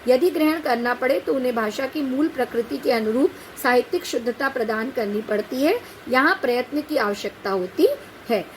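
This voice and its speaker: A woman with a high, bright-pitched voice teaches a class in a patient, explanatory way. She keeps asking rhetorical questions and checking whether her students follow. Faint noise hums behind her. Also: lively intonation, moderate pace, rough recording. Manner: patient, addresses students as "बेटा". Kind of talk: classroom lecture on a set text.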